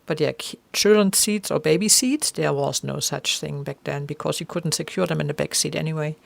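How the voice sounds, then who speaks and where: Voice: medium pitch, fairly even intonation, brisk, creaky. A middle-aged vlogger from East Germany with a German accent, chatting casually and chuckling at their own jokes. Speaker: travel vlogger. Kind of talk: casual vlog narration.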